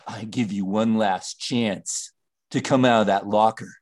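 A man playing a taunting, self-important high school bully in a comedy radio play, repeating himself with mocking theatrical relish. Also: fairly even intonation, darkish tone. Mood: menacing, pompous. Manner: mocking, drawn-out, theatrical repetition.

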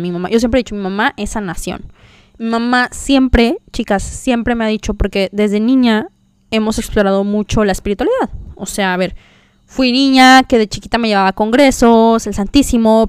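A woman's voice: medium pitch, smooth, no room sound. A young woman, hosting a podcast and telling a personal story in a chatty, confiding way with many fillers. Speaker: podcast host. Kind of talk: casual storytelling chat.

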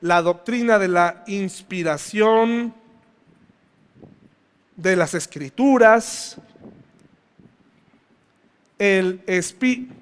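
A man's voice: high-pitched, very slow, pauses often, smooth. A male pastor giving a conversational sermon, often putting questions to his congregation. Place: church. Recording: long church reverb.

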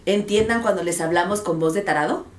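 A woman's voice: fairly low pitch, a little fast. A woman with a Mexican Spanish accent hosting a podcast, joking crudely and firing questions at her guests. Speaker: podcast host. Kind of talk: casual podcast chat. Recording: echoey room with faint noise.

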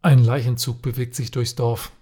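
A man's voice: medium pitch, little pitch movement, normal speed, warm tone, breathy edge. A man co-hosting a podcast, reading jokes aloud in casual chat and often cracking up while telling them. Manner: reads jokes aloud, often breaking into laughter. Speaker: podcast co-host.

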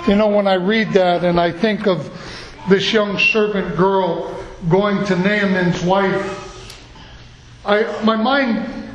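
A man's voice: high-pitched, steady tone, takes it slowly, echoey room, muffled recording, a little hiss or hum. A middle-aged man preaching a sermon, earnest and telling stories from his own life. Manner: earnest, storytelling.

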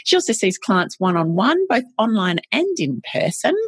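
A woman's voice: mid-range voice, big pitch swings, moderate pace, slightly rough, dry recording. A woman hosting a podcast interview, asking thoughtful, meandering questions in a conversational way. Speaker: podcast host.

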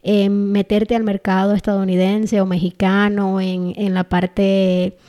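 A woman's voice: medium pitch, level tone, unhurried, dark tone. A woman hosting an interview, curious and stacking up follow-up questions. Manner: curious, asks layered questions. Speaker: interview host. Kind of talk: casual interview chat.

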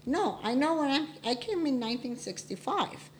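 A woman in her sixties from Cuba, a podcast guest who talks in an animated, boastful way and keeps protesting. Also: high voice, moderate pace. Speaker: guest, host's mother. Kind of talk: casual podcast chat.

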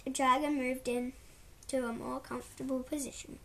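A woman narrating a children's storybook in a measured, clear way. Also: high-pitched, flat delivery.

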